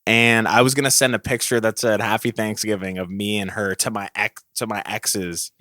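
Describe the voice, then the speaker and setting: A man's voice: on the low side, level tone, moderate pace, bright, forceful tone, no room sound, clean studio sound. A young man co-hosting a casual podcast chat, talking candidly and musing, with frequent swearing. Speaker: podcast co-host.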